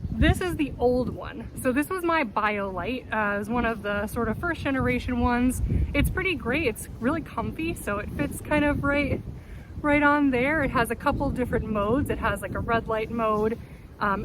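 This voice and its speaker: A woman's voice: on the high side, moderate pace. An upbeat woman talking casually and enthusiastically to viewers as she presents hiking gear. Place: outdoors in a windy city backyard. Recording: noisy outdoor city ambience, wind and traffic. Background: wind, vehicles, urban outdoor noise.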